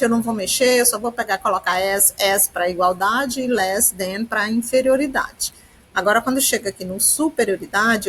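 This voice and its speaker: A woman from Brazil explains English grammar to her students at a middling pitch. She walks through each rule step by step and keeps checking that the class is following. A faint hiss of noise sits under her voice. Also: fairly bright tone, rough recording. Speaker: English teacher.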